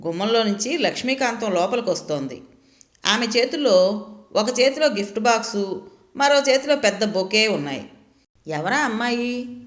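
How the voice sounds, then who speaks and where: A woman reading a family story aloud as the storyteller, in an expressive, lilting way. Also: medium pitch, moderate pace. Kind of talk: scripted story narration. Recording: roomy echo.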